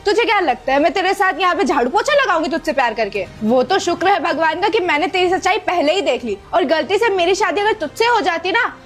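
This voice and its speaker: Casting: woman as haughty young woman, contemptuous and insulting, very high pitch, faint music behind. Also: animated, quick pace, few pauses, a bit bright. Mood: scornful. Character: arrogant young woman scorning a poor servant. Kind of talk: scripted skit acting.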